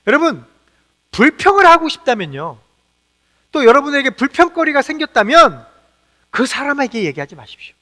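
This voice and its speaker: Male pastor, very high and bright voice, earnest preaching, echoey sanctuary. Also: sing-song, normal speed, pauses often. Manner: earnest, exhorting, with rhetorical questions. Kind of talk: sermon. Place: church sanctuary.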